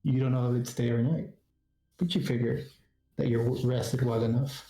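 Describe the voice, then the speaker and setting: A man runs a tabletop game as game master in a mellow, creaky voice. He narrates haltingly in an echoing room. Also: medium pitch, steady tone. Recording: roomy echo, faint music behind.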